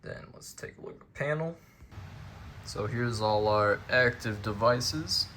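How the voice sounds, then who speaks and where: A man's voice: medium pitch, measured pace, noisy background. A man giving a casual hands-on demonstration, narrating each step informally as he goes. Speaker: fire alarm hobbyist demonstrator.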